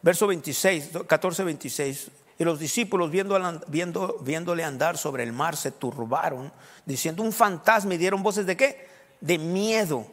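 A man's voice: fairly high pitch, normal speed, fairly bright tone, in a large hall. A man preaching a sermon in a conversational way, often quizzing his listeners with questions.

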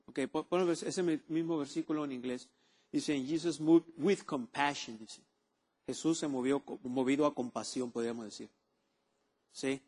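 A man's voice: medium pitch, normal speed, a little mellow, slightly rough. A man preaching a sermon, repeating key words and asking the congregation for amens. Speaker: pastor.

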